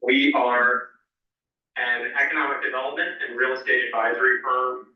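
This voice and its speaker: A man's voice: mid-range voice, moderate pace. Man on a phone held to a mic. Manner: steady, with frequent "uh" fillers. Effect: voice from a cell phone held up to a microphone. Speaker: business presenter. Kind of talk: formal presentation over the phone. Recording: muffled phone sound through a very echoey hall, from far off.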